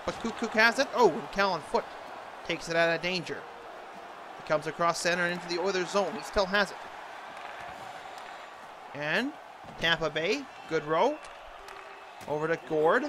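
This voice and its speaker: A man doing an amateur announcer impression, giving hockey play-by-play commentary in short clipped phrases. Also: on the high side. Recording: clearly noisy, ambient background noise.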